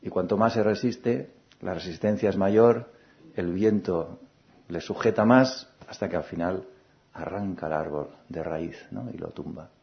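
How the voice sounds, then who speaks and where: A man giving a calm, reflective spiritual talk, repeating phrases and asking gentle questions. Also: low voice, a little slow, gravelly. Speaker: spiritual teacher. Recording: dull lo-fi recording.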